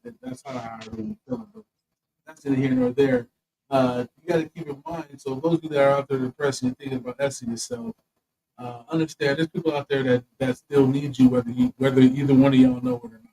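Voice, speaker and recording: A man's voice: fairly high pitch, sing-song, quick pace, creaky, dark tone, low-quality recording. A man, a comedian and co-host, in casual chat, telling a personal story with profane, emphatic asides.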